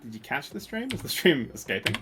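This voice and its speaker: A man's voice: medium pitch, very animated, fairly quick, background noise. A man hosting a casual gaming livestream, joking, swearing and trying out silly accents. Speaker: streamer and host.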